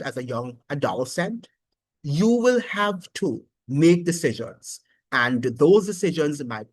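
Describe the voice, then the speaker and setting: A man giving opinionated political commentary in an animated, preachy way, with halting restarts. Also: fairly high pitch, no room sound.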